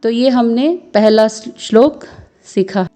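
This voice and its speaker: Slow, mellow woman teaching recitation. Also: fairly high pitch, faint music behind. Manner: patient, chants verses slowly, explains quickly.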